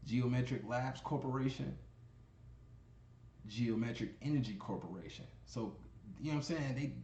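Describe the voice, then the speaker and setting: A man talks loosely and conversationally, calling his listeners y'all and often asking "you know what I'm saying." His voice is dark and mellow. It sounds echoey, with faint noise in the room. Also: medium pitch. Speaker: crypto video host. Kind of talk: casual screen-share commentary.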